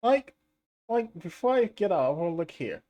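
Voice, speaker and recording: This is a live streamer talking through box office figures in an argumentative, insistent way. They keep repeating their points and throw rhetorical questions at doubters, and they sometimes laugh at the doubters while they do it. The voice sits at an ordinary middle pitch. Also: big pitch swings, brisk, dark tone, muffled recording. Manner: mocking, laughs at critics.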